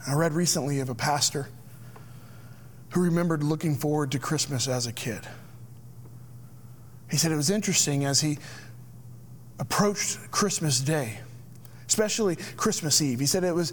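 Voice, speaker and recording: A man preaching a sermon as pastor, slow and deliberate, sometimes dropping to a hushed near-whisper. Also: fairly high pitch, a little hiss or hum.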